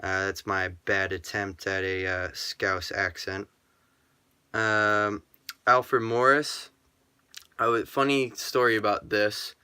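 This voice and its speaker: Slow-talking man with a bright, crisp voice. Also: on the low side, no echo. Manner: rambling and relaxed, full of ums and uhs; talks to himself aloud. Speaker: sports card collector showing his cards. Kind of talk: casual vlog chat.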